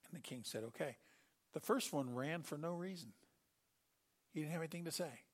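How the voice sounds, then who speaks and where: A middle-aged man preaching a sermon, telling Bible stories with animated delivery and acting out the characters. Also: on the high side, brisk.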